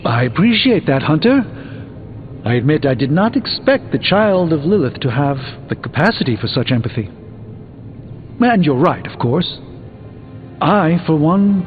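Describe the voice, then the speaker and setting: An actor playing an erudite, proud, guilt-burdened middle-aged sorcerer doctor in a video game, speaking formally in measured, articulate phrases. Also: male voice, a little high, very animated, phone-quality sound. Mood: regretful, earnest. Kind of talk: video game dialogue acting. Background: background music.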